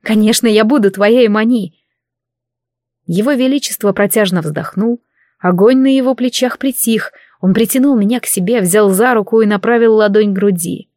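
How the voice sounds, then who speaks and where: A woman reading a first-person fantasy audiobook in an emotive, measured way. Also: mid-range voice, darkish tone, dry recording, clean studio sound. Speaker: audiobook narrator.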